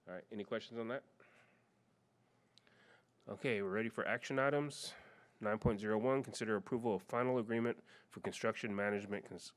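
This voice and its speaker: A man chairing a board meeting, moving through agenda items in a brisk, procedural way. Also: fairly low pitch.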